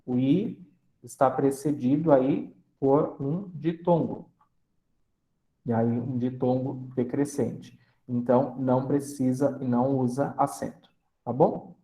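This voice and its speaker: A man teaching a grammar lesson, explaining slowly and splitting words into syllables, often checking in with the class. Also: medium pitch, fairly even intonation, dark tone, roomy sound. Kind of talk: grammar lecture.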